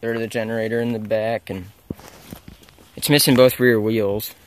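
Out in a forest, a young explorer of abandoned sites rambles on camera, unsure of himself and correcting as he goes. His voice is on the low side, steady in tone, at a normal speed. A little hiss or hum comes from the handheld camera mic he records with.

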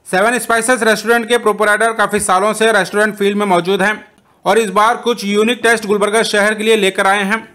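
A man reading a local news voice-over report, listing dishes in a brisk report tone. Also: sits high, level tone, bright, forceful tone.

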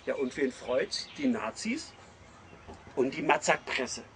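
A man's voice: a little high, very animated, slow pace, gravelly, a bit bright, a little hiss or hum. Sardonic northern German man reading satire. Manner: sardonic, mocking delivery. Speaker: columnist reading his own text. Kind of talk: satirical column read aloud.

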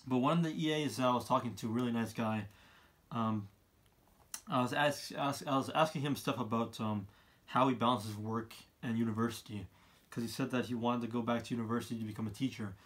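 A man, giving his opinions in a casual monologue, halting and often repeating himself as he rambles. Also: medium pitch, steady tone, fairly bright tone. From Canada. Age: 20s. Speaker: vlogger, college student. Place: small room indoors, seated by a wall.

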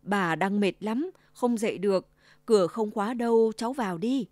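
A sick old grandmother played by a woman in a dry storybook reading, her voice weak, faint and slow. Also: mid-range voice, darkish tone, dry recording, natural voice. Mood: weary.

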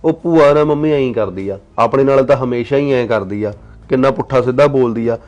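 A man's voice: mid-range voice, a little mellow, close to an everyday voice. A young man playing a student who complains resentfully about his aunt. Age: young adult. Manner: resentful, quick-talking. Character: angry young male student.

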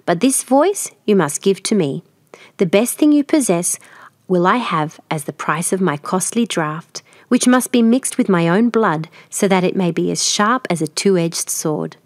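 A woman's voice: fairly low pitch, expressive, unhurried, dry recording, clean studio sound. A woman voicing a cruel, scheming old sea witch in a storybook reading, mocking and menacing.

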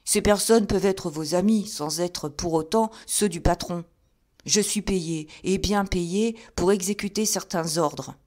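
A woman voicing a stocky male doorkeeper, a former boxer, who speaks bluntly and firmly in a lower voice, raised loud. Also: fairly even intonation, a little slow, natural voice. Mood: stubborn. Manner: blunt, stubborn, then hearty.

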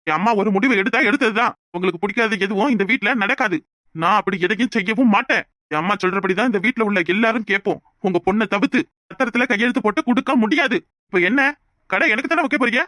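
A voice actor playing an exasperated young village husband in a cartoon, speaking firmly in a Kanyakumari Tamil accent. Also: male voice, high-pitched, fast, pushed and bright, no echo, studio quality. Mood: fed-up. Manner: firm, fed-up. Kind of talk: cartoon voice acting.

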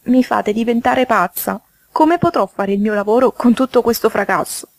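A woman voicing a fussy, tidy little mouse housewife in a storybook reading, squeaky and flustered. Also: normal speed, creaky, dry recording. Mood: fretful.

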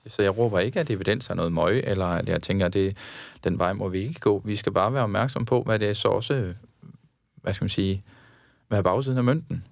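A man from the social care field giving his view in a panel discussion, often stalling and repeating words. His voice is low and gravelly. The recording is close and dry. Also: dry recording. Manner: halting, repeats words while reasoning.

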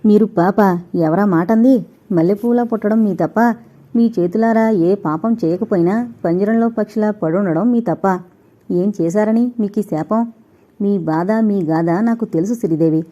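A woman's voice: mid-range voice, a little slow, dark tone, lightly acted. A woman voicing an earnest young man who pleads emotionally, in a storybook reading. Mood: pleading. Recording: dull lo-fi recording.

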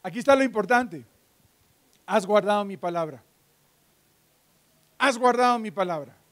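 A male pastor preaching a live sermon in a church on a handheld mic, fervent, with joking asides, swinging between loud and hushed. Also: high-pitched, moderate pace. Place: church sanctuary. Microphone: handheld microphone.

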